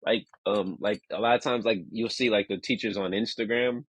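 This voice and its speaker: Husky, rambling man in his thirties. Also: fairly low pitch, fairly even intonation, normal speed, dry recording, poor audio. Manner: rambling, heavy use of "like", restarts. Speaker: podcast co-host. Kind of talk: casual chat.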